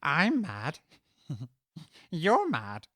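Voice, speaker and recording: An actor playing a sly, grinning cat who chuckles between lines in a playful drawl, for a full-cast audiobook. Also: male voice, a little high, wildly swooping pitch, very slow, bright, forceful tone, no echo, clean studio sound, full character voice. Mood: amused, teasing. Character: grinning, teasing Cheshire Cat, sly and amused.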